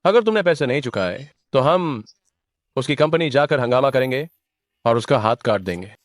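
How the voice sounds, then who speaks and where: A man's voice: medium pitch, expressive, normal speed, dry recording, studio quality, close to an everyday voice. A man dubbing the role of a contemptuous debt collector who makes threats. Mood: menacing. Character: menacing male debt-collecting thug. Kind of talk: Hindi drama dub.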